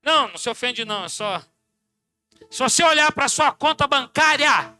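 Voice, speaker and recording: A Brazilian pastor preaches with a very high, piercingly bright voice. He swings between loud shouted lines and quiet muttered asides, acting out little dialogues. Soft music plays faintly behind him. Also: animated, normal speed. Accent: Brazilian Portuguese. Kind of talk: sermon. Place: church.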